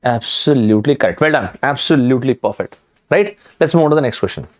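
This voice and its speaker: A man's voice: medium pitch, expressive, fast. A young man with an Indian English accent, teaching a live online vocabulary lesson with energy, repeating words and asking viewers to type answers. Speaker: online exam tutor.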